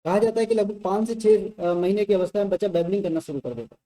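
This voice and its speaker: A woman lecturer explains exam material to her students in a relaxed, conversational way. Her voice is strikingly dark and mellow, and her pitch sits in the ordinary middle range. She keeps checking in with her listeners and uses spoken examples to make her points. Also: fast talker, low-quality recording. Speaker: exam-prep teacher.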